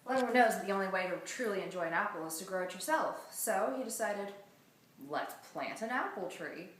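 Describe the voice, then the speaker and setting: A woman at medium pitch and quick pace tells an improvised, casual comic story, wandering conversationally and adding offhand comments. She's recorded in an echoey room far from the mic, with faint noise.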